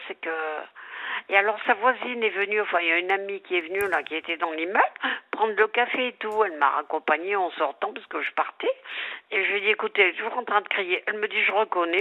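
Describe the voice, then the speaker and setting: A woman's voice: mid-range voice, fast. An older woman calling in to a radio show over the phone, rambling and repeating herself as she tells a family problem. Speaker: caller. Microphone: telephone. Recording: dull phone line.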